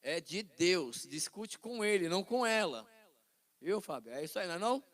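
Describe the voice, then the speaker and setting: A middle-aged Brazilian man teaching an informal Bible class with a fairly high voice. He retells the stories in a lively way and slips into the voices of the people in them. He often turns to his listeners for a quick nod of agreement. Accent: Brazilian Portuguese. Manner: animated storytelling, acts out quoted voices, asks listeners "né?".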